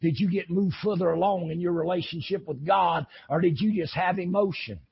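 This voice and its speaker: A man preaching an impassioned sermon, swinging from shouting to low, intense talk. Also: fairly quick, creaky, husky, lo-fi sound. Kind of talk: fiery sermon.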